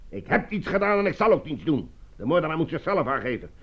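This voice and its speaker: An actor playing a stern, commanding prisoner leader in a radio drama. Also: male voice, a little high, very animated, fast. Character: stern camp prisoner leader, grown man. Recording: dull lo-fi radio play recording.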